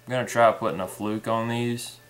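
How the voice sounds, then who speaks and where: A young man casually unboxing fishing tackle at a table indoors, unhurried, naming each item as he opens it. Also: medium pitch, fairly even intonation. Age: young adult. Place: indoor room at a table with plants. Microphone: camera in front at table distance.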